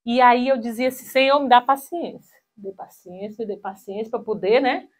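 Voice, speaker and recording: Speaking at a moderate pace in a voice on the high side, a woman in her thirties gives an animated spiritual talk in a small hall. She holds a handheld mic, tells personal stories, and acts out quoted voices.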